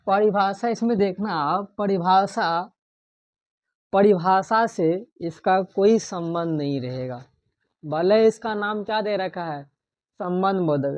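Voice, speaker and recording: A woman's voice: medium pitch, darkish tone, highs cut off. A woman teaching an exam-prep Hindi grammar lesson, who asks the class questions and repeats each key term.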